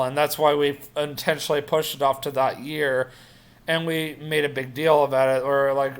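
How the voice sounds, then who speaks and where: A man in his late twenties rambling through a casual personal vlog update, full of fillers and self-corrections. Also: a little high. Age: 20s. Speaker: vlogger.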